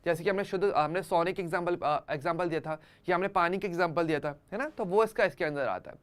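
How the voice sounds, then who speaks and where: A man's voice: sits high, fast talker, clear, resonant tone. A man teaching an online chemistry class for exam students, conversational, using everyday examples and often checking that students follow.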